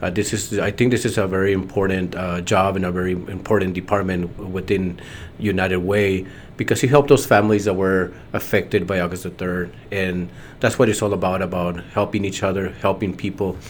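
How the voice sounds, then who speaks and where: A man introducing himself in a halting way with frequent fillers. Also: low voice, fairly even intonation, slight background noise. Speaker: grant administrator. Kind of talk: personal introduction.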